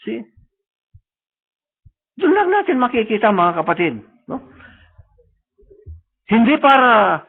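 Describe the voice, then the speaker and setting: A man preaching a sermon at a church service, switching between Tagalog and English and often checking in with the congregation. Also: very high voice. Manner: mixes Tagalog and English, frequent tag questions. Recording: lo-fi phone-like live stream.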